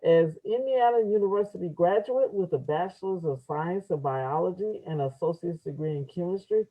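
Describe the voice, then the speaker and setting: A woman's voice: on the low side, moderate pace. A woman hosting an open mic with casual introductions, sometimes stumbling over words she reads out and repeating them. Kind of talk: casual live event introductions. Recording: dull lo-fi live event audio.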